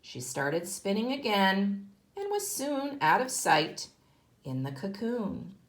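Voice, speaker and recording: A kindergarten teacher reads a story aloud to young children. She goes slowly and very animatedly, deliberately stressing key words.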